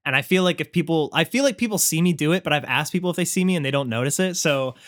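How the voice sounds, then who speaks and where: A man's voice: a little high, fast, fairly bright tone. A young man co-hosting a podcast, chatting casually and rambling with slang and frequent swearing. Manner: rambling, heavy use of "like", swearing. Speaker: podcast co-host.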